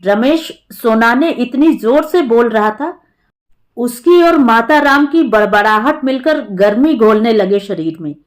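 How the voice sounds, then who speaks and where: Slow, higher-voiced woman reading a story. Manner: calm, measured storytelling, voicing characters lightly. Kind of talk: scripted narration of a Hindi story.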